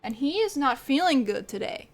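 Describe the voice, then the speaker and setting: A woman's voice: high-pitched, very animated, moderate pace. A woman streaming a game, chatting casually and rambling as she plays, often laughing. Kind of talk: casual live-stream chat while gaming.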